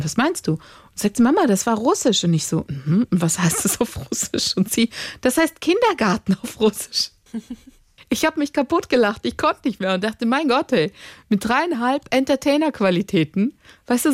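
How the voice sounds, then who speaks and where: A woman in her thirties chatting casually and telling stories about her children, acting out their quotes with animated emotion. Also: a little high, dry recording, studio quality. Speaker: podcast co-host, mother. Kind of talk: casual chat, storytelling.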